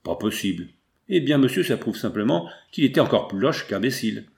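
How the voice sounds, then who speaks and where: Man reading as callous German barkeep in a storybook, boisterous and mocking, gravelly edge. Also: medium pitch, sing-song, a little fast, a little mellow. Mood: mocking, brash. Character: coarse German saloon keeper, middle-aged man, boisterous, callous.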